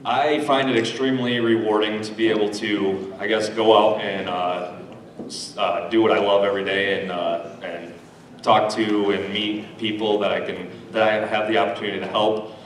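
A man giving halting, hesitant interview answers on a stage. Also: lowish voice, flat delivery, a little hiss or hum. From Michigan, United States. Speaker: contestant. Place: indoor stage. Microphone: handheld mic through PA, recorded by far camera. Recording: echoey stage hall, distant camera.

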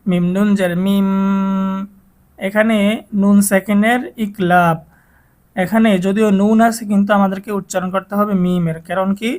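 A man with a Bangladeshi Bengali accent teaching Quran reading, who spells out letters and vowel marks and then draws out whole words slowly. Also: high-pitched, steady tone, a little mellow.

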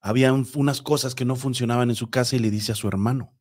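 A man's voice: mid-range voice, steady tone, fast talker, a little mellow. A man, hosting a show and telling a paranormal story in a loose, conversational way that speaks directly to listeners. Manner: conversational, with filler words and restarts, addresses listeners directly. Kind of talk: spoken storytelling.

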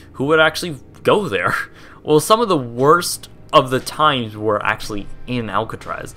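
A man's voice: mid-range voice, pushed and bright. A young man hosting a casual history video, chatty and rambling, laughing and tripping over words. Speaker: host.

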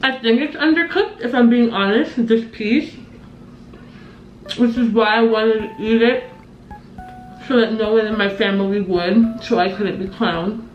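In an echoey small home kitchen, a young adult woman with a voice on the high side cooks at an unhurried pace, filmed by a camera on the counter. She's a bubbly, chatty vlogger who pokes fun at herself in this casual cooking vlog. The sound is lo-fi with slight background noise.

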